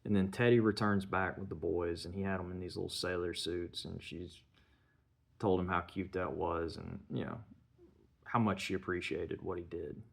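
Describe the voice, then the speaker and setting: Guy with a real low gravelly voice just talking thru a movie scene by scene. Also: steady tone, normal speed. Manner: retells scenes plot point by point, slipping in dialogue. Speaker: film reviewer. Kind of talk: casual spoken film review.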